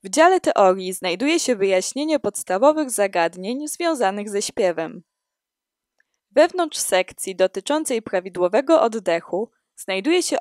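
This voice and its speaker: A woman reading a scripted walkthrough of an app in a steady, explanatory way. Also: mid-range voice, no echo, clean studio sound. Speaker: student presenting an app.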